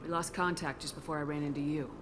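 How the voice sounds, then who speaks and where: An actress playing a composed, fair-minded military commander in a video game, direct and controlled. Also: female voice, low-pitched, steady tone, fast talker, background noise, natural voice. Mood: questioning, controlled.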